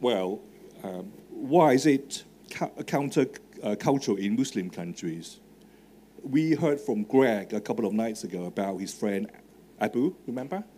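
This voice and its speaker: A handheld microphone, with a little hiss or hum, carries a middle-aged man's lowish, dark-toned voice, animated but a little slow. He's a native Cantonese speaker with a Hong Kong English accent, talking live to students from a stage in a large marquee tent, using fillers and asking the audience questions.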